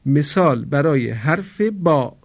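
A man teaching Quran recitation rules, explaining briskly, then chanting example words slowly for students to repeat. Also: fairly high pitch, lively intonation, breathy edge. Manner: slow drawn-out recitation of example words between quick explanations. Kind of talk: tajwid lesson with call-and-repeat recitation. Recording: dull lo-fi recording.

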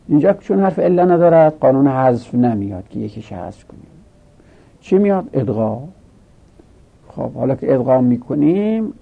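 A man's voice: mid-range voice, gravelly, breathy edge. A man teaching a grammar lesson, methodically reciting conjugation tables in a tinny, phone-like recording.

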